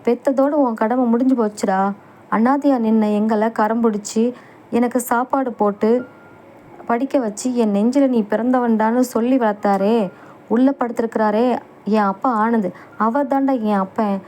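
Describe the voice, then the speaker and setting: A fierce, tearful young son in a spoken storybook, as a woman reader voices him. The voice sits fairly high and mellow, with little change from the reader's own. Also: fairly even intonation, a little slow, natural voice. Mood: furious. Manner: emotional, pleading then raging.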